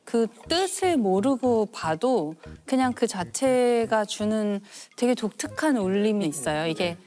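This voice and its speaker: A thoughtful middle-aged woman shares her view on a talk-show panel. Her pitch is mid-range for a woman, and faint music runs underneath. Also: a little slow. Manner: thoughtful, animated when recounting children. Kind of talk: casual talk-show chat.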